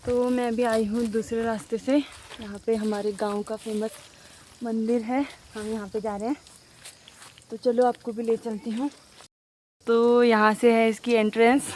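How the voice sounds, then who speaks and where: Fairly high-pitched and a little mellow, a young woman's voice comes through with slight background noise. She strolls around a village outdoors, chatting casually to her viewers in a vlog walk-through, with faint animals audible around her.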